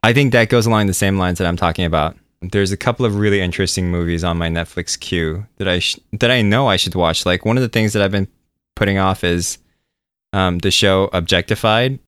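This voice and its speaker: A man with a lowish, resonant voice talks in a loose, meandering way. He sounds relaxed and pokes fun at himself. The sound is close and dry, with no room around it. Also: fairly quick, clean tone, dry recording. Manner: relaxed, rambling, self-deprecating. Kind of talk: casual chat.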